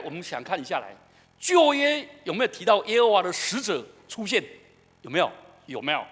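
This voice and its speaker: Speaking in a very high, husky voice, a middle-aged pastor with a Taiwanese Mandarin accent delivers a lively sermon. He asks the congregation questions, and the church hall around him echoes.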